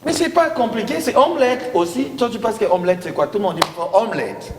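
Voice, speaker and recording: A man from Congo leading a lesson with children, coaxing them and repeating prompts loudly. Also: sits high, big pitch swings, fast talker, a little hiss or hum. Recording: echoey hall from far off.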